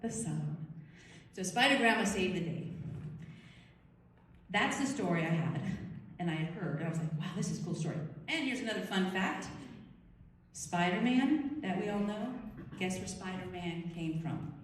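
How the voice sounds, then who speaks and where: A woman giving a chatty, animated storytelling talk to a live audience, often asking them questions. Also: fairly low pitch, unhurried. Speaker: speaker at a storytelling event. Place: large room at a live event. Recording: echoey hall, voice from far off.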